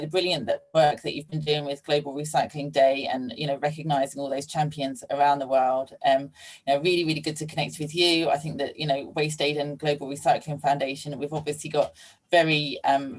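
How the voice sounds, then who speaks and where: Low-voiced woman hosting a webinar. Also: steady tone, a little fast. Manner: friendly, affirming, many ums. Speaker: webinar host. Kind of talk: online webinar discussion. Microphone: video call.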